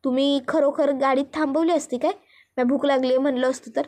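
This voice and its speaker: A woman's voice: high-pitched, fairly even intonation, fairly quick, mellow, close to an everyday voice. A woman voicing a chatty, sly young village woman who talks in rustic speech. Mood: teasing.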